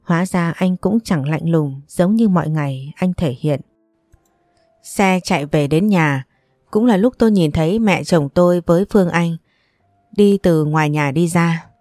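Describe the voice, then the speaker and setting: Woman reading a story in first person, calm and low, dry sound, soft music behind. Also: a little slow, dry recording. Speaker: narrator. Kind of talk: first-person audiobook narration.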